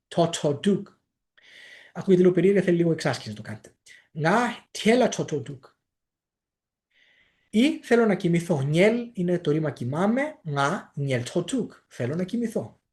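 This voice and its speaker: Man, language teacher, animated pitch, patient and hesitant, slow demonstrative repeats. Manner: explains patiently, repeats phrases slowly for pronunciation; frequent hesitations and fillers. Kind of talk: casual spoken lesson.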